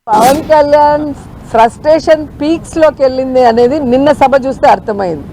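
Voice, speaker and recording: A woman minister giving press remarks slowly and deliberately, in a scolding manner. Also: high-pitched, warm tone, a little hiss or hum, poor audio.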